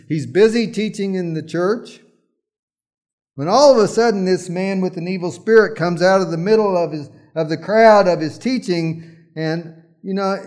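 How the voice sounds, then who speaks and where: A man's voice: high voice, a little mellow. A middle-aged male pastor preaching a sermon, emphatic at times and telling folksy, humorous stories.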